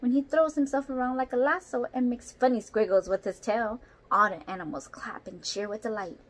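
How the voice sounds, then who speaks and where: Reading a picture book with feeling and speaking directly to young listeners at times, a young adult woman uses a fairly high, steady voice at a fairly quick clip. The recording is noisy, captured in a small indoor room at home.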